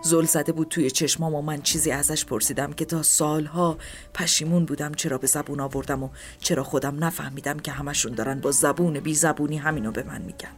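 A woman's voice: low voice, fairly even intonation. A woman telling a first-person story in a subdued, grieving manner, at times dropping to a whisper. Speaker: narrator. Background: soft background music.

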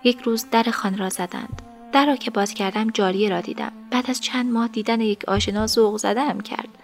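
Female narrator for a serialized story, measured and even, faint music underneath. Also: a little high.

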